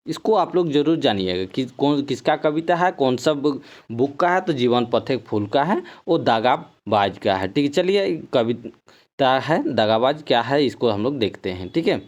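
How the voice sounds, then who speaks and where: A man teaches an exam-prep class, reading poem lines aloud and then explaining them, and he keeps repeating "ठीक है". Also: mid-range voice. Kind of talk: explaining poems in a recorded class. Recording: dull lo-fi sound.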